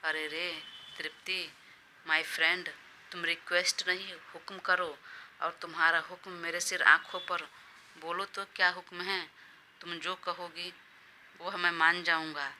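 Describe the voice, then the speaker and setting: A woman narrating puts on an indulgent male boss in an audio story. He speaks low and flat with a sharp, bright tone, a faint hiss behind. He is generous with praise and firm about his time. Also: a little slow. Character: smooth-talking male boss, indulgent, busy.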